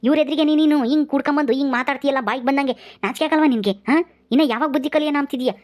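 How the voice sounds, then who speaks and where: A woman's voice: high voice, rapid-fire, a little mellow, lightly acted. A woman playing an earnest pleading young husband. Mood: reproachful.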